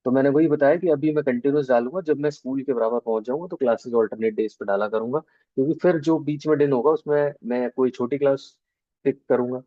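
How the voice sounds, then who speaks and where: This clip is dull audio with no room sound, carrying a mid-range male voice. He's a maths teacher with an Indian accent lecturing online in mixed Hindi and English. He walks through things step by step, draws out important terms slowly, and frequently checks on his students.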